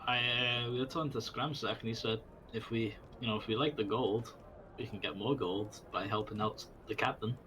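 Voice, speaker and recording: A man's voice: medium pitch, fairly even intonation, normal speed, sharp tone, a little hiss or hum, poor audio. A man playing a tabletop game, joking and teasing in casual chat. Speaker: player.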